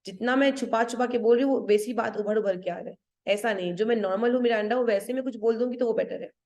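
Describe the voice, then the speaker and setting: A woman with a higher-pitched, slightly dark voice, a Hindi teacher who teaches English literature, walks through a play line by line. She moves between Hindi and English, asks "ठीक है?" to make sure the class follows, and reads the quoted verse slowly.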